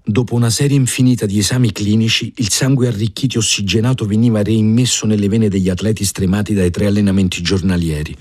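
Low, husky-voiced man reading a novel. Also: no echo, studio quality. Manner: measured, even first-person narration. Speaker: audiobook reader.

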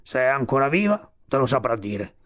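A man voicing a grumpy, sleepy old male walrus in a storybook, talking slow and low. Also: big pitch swings, fairly bright tone, dry recording, clean studio sound. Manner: slow, grumbling, low-voiced.

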